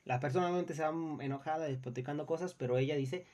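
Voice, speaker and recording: Young man, Mexican Spanish accent, mellow dark voice, casual storytelling, frank, acts out dialogue. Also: a little high, quick pace. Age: young adult. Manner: acts out customers and coworkers in quoted voices. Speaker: customer service worker.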